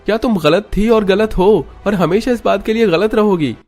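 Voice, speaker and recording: Man doing a strict young husband: high, pressing, lecturing tone. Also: lively intonation, moderate pace, darkish tone, faint music behind. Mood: scolding. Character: young husband, stern but loving.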